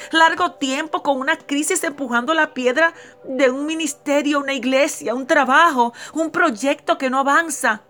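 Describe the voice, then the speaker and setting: Earnest high-voiced woman preacher. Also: fairly bright tone. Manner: earnest, direct address to listeners. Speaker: host of a devotional program. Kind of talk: devotional reading and preaching. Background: faint music.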